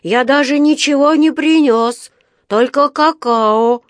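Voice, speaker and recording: A woman's voice: high-pitched, slow pace, no room sound, clean studio sound, pitched above the performer's own voice. A woman reading a storybook aloud, voicing a small, polite and earnest young male bear in a raised, eager voice. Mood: indignant.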